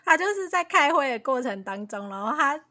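A woman's voice: sits high, sing-song, a little fast, pushed and bright, no room sound, studio quality. A woman in casual podcast chat, reacting expressively and retelling a friend's mishap. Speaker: podcast co-host.

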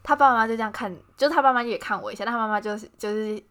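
Bright, fast-talking young Taiwanese woman. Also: on the high side. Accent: Taiwanese Mandarin. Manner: animated storyteller, laughs often. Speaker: podcast co-host. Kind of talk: casual chat.

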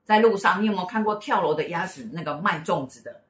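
Woman, middle-aged, Taiwanese Mandarin accent, animated storyteller, lowish voice, roomy echo. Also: fast. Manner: animated storyteller who acts out quoted speech. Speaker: host, mother. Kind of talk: casual storytelling chat.

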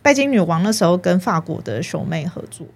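A woman, a film marketing producer chatting as an interview guest and telling animated stories about her work. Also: lowish voice, brisk. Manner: animated storytelling, acts out her own past thoughts. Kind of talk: casual interview chat.

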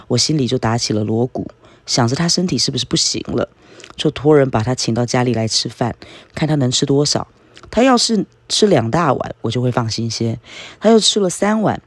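A man's voice: mid-range voice, slightly rough, no room sound. Man doing a shrewd older village mother, gossipy, confiding, read-aloud story, dry sound.

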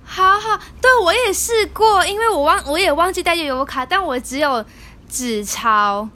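A woman's voice: very high voice, lively intonation, normal speed, sharp tone. A woman co-hosting a casual podcast, chatting and sharing her own stories between frequent murmured agreement. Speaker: podcast co-host. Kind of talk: casual chat.

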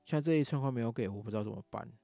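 A man with a Taiwanese Mandarin accent rants in a casual monologue, cursing freely as he talks. His voice is gravelly and dark. The sound is dry and close, with faint music behind him. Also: mid-range voice, very fast, dry recording. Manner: angry ranting, heavy swearing. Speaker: podcast host.

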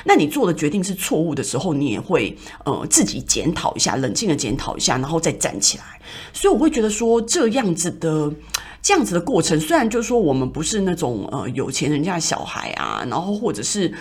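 Low husky Taiwanese Mandarin woman. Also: very animated, brisk, a little mellow. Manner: reflective, rambling with many fillers. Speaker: podcast host. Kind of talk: casual personal storytelling.

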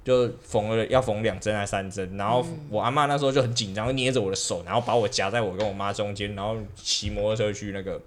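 A man, co-hosting a podcast and telling childhood stories in a casual, animated way, often laughing at himself. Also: fairly low pitch, fast talker, few pauses, slight background noise. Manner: animated, laughing, self-mocking storyteller. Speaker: podcast co-host. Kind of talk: casual chat, storytelling.

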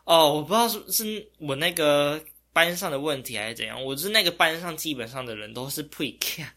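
Brisk and on the high side, this young man's voice carries a Taiwanese Mandarin accent as he tells a story vlog-style. He is casual and animated, frequently exclaiming and breaking into laughter.

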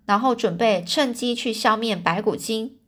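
A woman's voice: on the high side, normal speed, a bit bright. A woman reading a children's storybook aloud, stopping to explain words in a chatty way.

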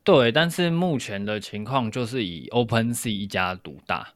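A man's voice: on the low side, lively intonation, moderate pace, dry recording, studio quality. A man co-hosting a podcast, explaining things step by step in casual discussion. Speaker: podcast co-host.

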